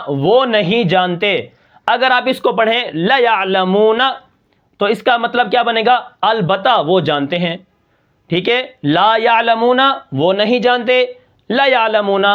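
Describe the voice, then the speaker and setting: A man teaching Quran recitation rules, asking and answering his own questions, reciting example words slowly and drawn out. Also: high-pitched, muffled recording. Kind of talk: tajweed lesson.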